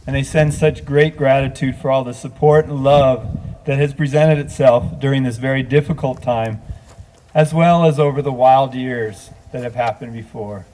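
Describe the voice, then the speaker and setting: A man, a multi-faith minister, speaking gently and from the heart at a memorial service, telling a story and leading a prayer. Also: mid-range voice, moderate pace, slight background noise, poor audio.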